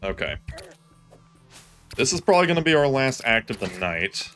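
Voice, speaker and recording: A man giving live commentary over his own gameplay, excitable and self-deprecating, pleading with the game when things go wrong. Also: mid-range voice, moderate pace, faint music behind. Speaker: gaming streamer.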